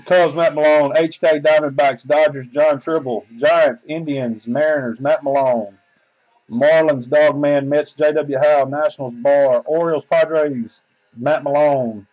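A man's voice: a little high, fairly even intonation, unhurried, a little mellow, muffled recording. A man hosting a sports card break, reading out team assignments and chatting loosely with viewers, swearing freely. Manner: loose, profane, rambling talk to viewers.

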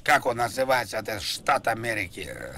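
Low-voiced man rambling through a noisy prank order. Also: sing-song, a little fast, vocal fry, bright, forceful tone. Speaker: prank caller and streamer. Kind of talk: prank phone call, ordering food. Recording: noisy background hiss and ambience.

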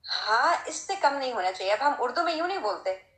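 Female recitation teacher, slightly high voice, slow and patient, echoey room. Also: very animated, fairly bright tone. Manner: slow, patient, demonstrates sounds with strong breathy h. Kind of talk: Tajweed lesson.

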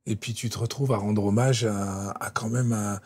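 A man hosting a music interview, relaxed and prompting his guest with short affirmations among record shelves. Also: lowish voice, normal speed, breathy edge. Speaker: host. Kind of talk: conversational interview. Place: record library shelves, indoors.

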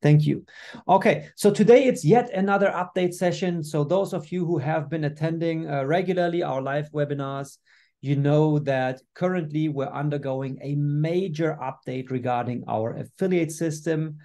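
A man's voice: on the high side, moderate pace, dark tone. Upbeat man hosting a webinar. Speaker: webinar host. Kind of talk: business webinar presentation.

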